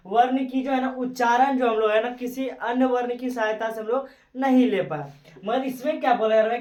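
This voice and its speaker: A woman's voice: on the high side, distant mic. Repetitive teacher woman in an echoey room. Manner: repetitive, keeps checking with listeners, stretches example sounds. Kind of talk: classroom-style grammar lesson.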